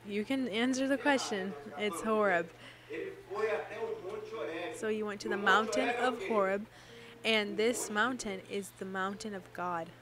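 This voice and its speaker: Woman interpreting a sermon live, mid-pitched, congregation clearly heard behind her. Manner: preaching cadence with rhetorical questions to the congregation.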